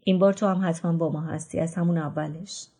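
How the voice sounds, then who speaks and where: A woman voicing a kind, weary male newspaper editor, speaking calmly and gently in a book reading. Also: low-pitched, slightly rough. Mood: reassuring. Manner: calm, gentle reassurance. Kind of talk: audiobook reading.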